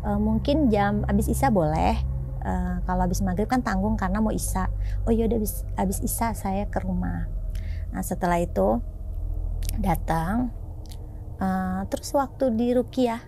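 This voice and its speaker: A woman from Indonesia casually retelling a personal experience, acting out the dialogue in raised, animated voices. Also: mid-range voice, normal speed, gravelly, long pauses, slight background noise. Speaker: storyteller sharing a personal experience.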